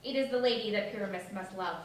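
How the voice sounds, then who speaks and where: A woman's voice: medium pitch, quick pace, natural voice. A woman playing an earnest, firm troupe organiser, declaiming in a Shakespeare stage comedy. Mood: businesslike. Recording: echoey hall, distant mic, faint noise.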